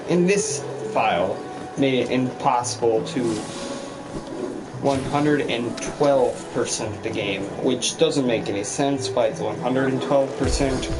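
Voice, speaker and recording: A man's voice: medium pitch, rough recording. A man streaming a game with casual commentary, rambling as he thinks aloud. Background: loud game music.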